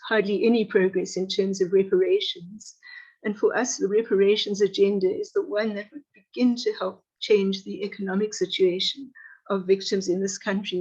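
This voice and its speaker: A woman from South Africa giving a measured, earnest address over a video call, pausing often with fillers. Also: medium pitch, darkish tone, breathy edge, highs cut off. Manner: measured, with frequent pauses and fillers. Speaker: panelist at online launch. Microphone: video call audio without camera.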